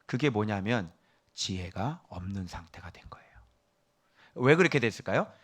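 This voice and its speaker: A middle-aged male pastor delivering a sermon, scolding and quizzing his listeners, jumping from loud emphasis down to hushed whispers. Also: fairly low pitch, expressive, normal speed. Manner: scolding, asks the congregation questions.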